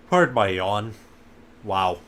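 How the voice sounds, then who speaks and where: A young man casually commenting on a football game as it happens, thinking aloud with relaxed asides. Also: lowish voice. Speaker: live reaction host.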